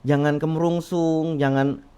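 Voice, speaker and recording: A man hosts a relaxed talk, his voice sitting a little high for a man. He nods along with murmured assents and chimes in with loose, casual remarks. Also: unhurried, clear, resonant tone. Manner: agreeable, frequent murmured assents. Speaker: host. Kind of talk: casual podcast chat.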